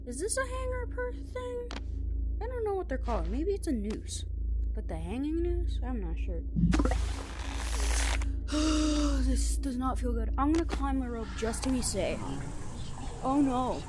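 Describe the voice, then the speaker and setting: A woman's voice: high-pitched, very animated, unhurried, pauses often. A woman role-playing in character through a VR game, fretting and groaning dramatically. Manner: dramatic groaning and fretful exclamations.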